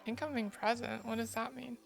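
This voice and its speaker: Cute, flustered, high-voiced woman streamer. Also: steady tone, brisk, gravelly, soft background music. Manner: scattered, self-interrupting, mutters to herself. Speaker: livestreamer drawing fan art. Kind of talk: casual livestream chat, thinking aloud. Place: indoor streaming setup.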